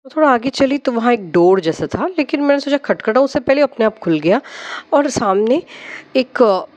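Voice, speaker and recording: A woman's voice: a little high, lively intonation, moderate pace, darkish tone, no room sound, muffled recording. A woman on a devotional channel casually retelling a dream, rambling, with many fillers and English words mixed in.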